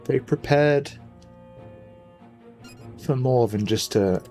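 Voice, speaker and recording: A let's player hosting a gaming video muses aloud in casual, rambling commentary, trailing off often and reading bits of on-screen text. His mid-range voice moves slowly with a darkish tone, caught on a noisy home mic with video game music behind.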